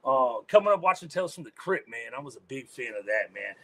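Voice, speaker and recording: Speaking quickly with big swings in pitch, this deep-voiced man is a guest musician in a relaxed interview chat. He curses a lot and lets sentences fade into fillers.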